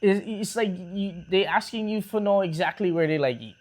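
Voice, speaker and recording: A man co-hosting a relaxed talk show with his partner, rambling casually with restarts and easygoing slang. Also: high voice, brisk. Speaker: co-host of a couple's talk show. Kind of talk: casual chat.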